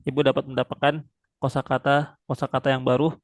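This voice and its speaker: A man's voice: medium pitch, level tone, no room sound. Patient male Arabic tutor. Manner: patient, slow drilling with frequent pious interjections. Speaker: Arabic teacher. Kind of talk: online one-on-one language lesson.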